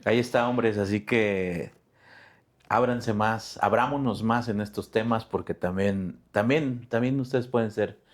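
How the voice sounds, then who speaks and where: A man hosting a podcast interview, asking measured questions and agreeing with his guest. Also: fairly low pitch. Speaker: podcast host.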